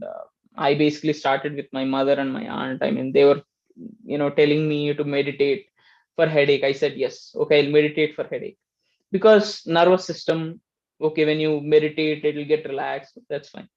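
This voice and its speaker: A man teaching meditation in a gentle, explaining way, often checking in with "right?". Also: fairly high pitch, little pitch movement, normal speed, lo-fi sound. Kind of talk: casual spiritual teaching talk.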